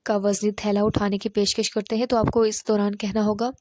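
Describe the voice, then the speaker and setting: Soft-toned woman teaching a lesson. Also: mid-range voice, level tone, slight background noise. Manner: measured, explanatory, slows down for English example phrases. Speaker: English teacher. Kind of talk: narrated language lesson.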